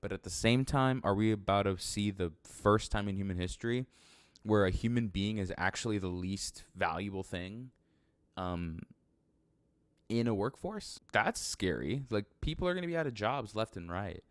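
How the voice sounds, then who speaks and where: This first-time solo podcaster or vlogger has a fairly low voice and talks at a moderate pace, recorded cleanly and dryly in a sparsely furnished room. His unscripted monologue rambles casually, blunt and self-deprecating, with frequent swearing.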